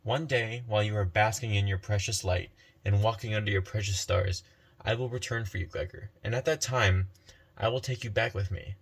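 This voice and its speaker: A man voicing Death, a cunning hooded floating spirit, in a whispered role-play with a soft whisper that has a sharp edge. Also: lowish voice, fairly even intonation, brisk, gravelly, breathy edge. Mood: menacing.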